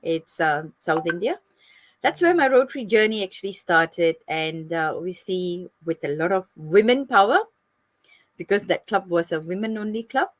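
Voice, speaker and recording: A woman's voice: lowish voice, animated, normal speed. A woman from Malaysia, a club president, answering interview questions over a video call in a friendly, fluent way.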